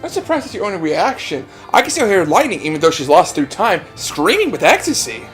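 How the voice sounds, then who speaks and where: Man reviewing a video game, casual and jokey, swears a lot, lively pitch, music behind. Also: brisk.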